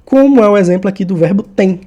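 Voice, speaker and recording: Brief: male tutor, somewhat high voice, very mellow and soft-edged, casual and friendly, often checks in with listeners. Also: fast, highs cut off. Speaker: exam-prep Portuguese teacher. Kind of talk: casual explanatory lesson.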